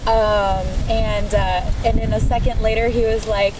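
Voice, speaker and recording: A woman's voice: mid-range voice, flat delivery, unhurried. A woman from Taiwan, a guest in a casual interview, talking in a chatty way and laughing often. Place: outdoors. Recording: outdoor recording with loud wind noise.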